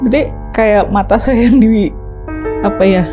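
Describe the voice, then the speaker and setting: A woman guest telling her own story in a chatty, animated, casual way, tagging her sentences with fillers. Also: mid-range voice, a little slow, music in the background. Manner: chatty, animated, tags lines with "gitu". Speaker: ride-hailing driver, interview guest. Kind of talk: casual first-person storytelling.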